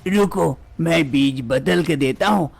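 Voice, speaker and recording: A woman voicing an old male village healer in a cartoon story, calm and cautioning as he gives advice. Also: low voice, slow pace, gravelly, full character voice. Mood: advising. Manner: advising, cautioning.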